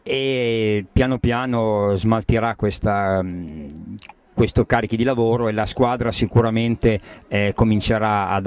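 Lowish-voiced male football pundit, close and dry. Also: a little mellow, no room sound. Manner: hesitant, searching for words. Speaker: football co-commentator and analyst. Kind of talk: tactical commentary. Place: outdoors at a local football pitch.

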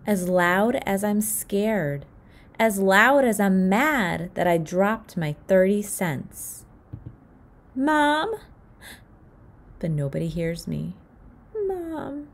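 A woman reading a children's picture book aloud at storytime, expressive and playing out the sound effects. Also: medium pitch, slow. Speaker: storytime reader.

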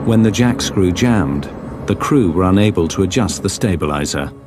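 A man reading scripted documentary narration in a measured, dramatic storytelling way. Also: low voice, animated, noisy background. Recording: dramatic music bed under voice. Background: music.

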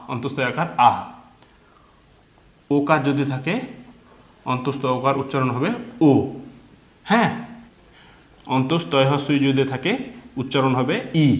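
A male teacher giving a slow reading lesson, sounding out letters one by one and repeating them patiently. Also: mid-range voice. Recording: echoey room.

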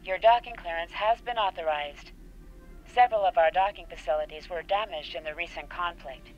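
A woman voicing a calm female station control officer, speaking formally over a radio comm transmission. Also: on the low side, faint music behind. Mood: official. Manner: formal, measured announcements. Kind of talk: scripted game dialogue. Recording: dull lo-fi radio channel.

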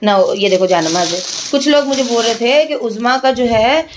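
A woman's voice: fairly high pitch, normal speed, noisy background. A young woman chatting to her viewers at home while looking after her small children. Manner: chatty, addresses viewers directly, coos at her baby. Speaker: vlogger and mother. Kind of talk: casual home vlog chat.

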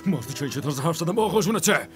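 A man's voice: a little high, lively intonation, lightly acted. An actor dubbing a stern father who scolds his grown son, in a TV drama dub. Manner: stern, firm. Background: music.

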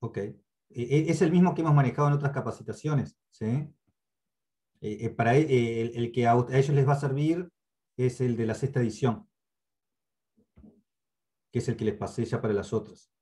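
A man with a Uruguayan accent gives a patient online training lecture, repeating key points and often checking in with a quick "¿sí?". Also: mid-range voice, dark tone. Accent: Uruguayan Spanish. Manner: checks in with frequent "¿sí?"; hesitant fillers and restarts. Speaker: instructor. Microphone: computer mic on a video call.

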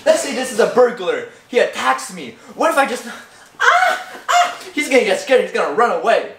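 A young man vlogging casually, joking around with friends and bursting into loud outbursts. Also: high voice, very animated, fast, slight background noise. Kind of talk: casual vlog chat.

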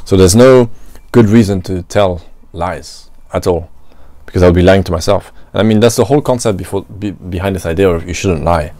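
An adult Frenchman who works at a restaurant hosts a solo podcast, thinking aloud in a reflective monologue and often tossing in "you know" and "right." He has a French accent and a low, dark voice, speaking briskly with hardly any pauses, and there is no room sound.

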